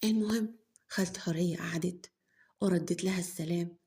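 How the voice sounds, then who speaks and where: A woman's voice: on the low side, a little fast, gravelly, mellow. A woman with an Egyptian accent narrating a first-person story, chatty and joking with her listeners. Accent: Egyptian Arabic.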